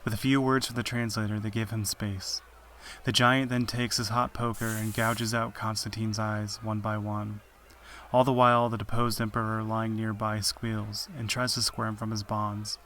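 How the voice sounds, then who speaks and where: A man hosting a history podcast, telling it in measured, dramatic scripted narration. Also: fairly low pitch, level tone, pushed and bright, slight background noise. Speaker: podcast host. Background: music.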